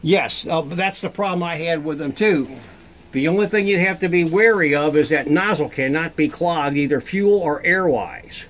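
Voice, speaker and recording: A man's voice: normal speed, fairly bright tone. An older man with an Arkansas accent explaining his hands-on tinkering in a casual, folksy way, restarting his sentences as he goes. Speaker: tinkerer demonstrating his modified heater. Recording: noisy vehicle-like rumble behind voice.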